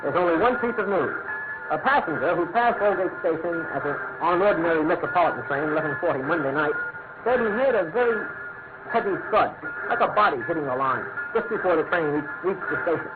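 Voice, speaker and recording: Bloke doing brit police inspector in old radio drama, plain n respectful, music behind, tinny. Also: male voice, fairly high pitch, lively intonation, quick pace, close to an everyday voice. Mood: matter-of-fact. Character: dutiful, matter-of-fact male police inspector. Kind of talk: classic radio drama acting.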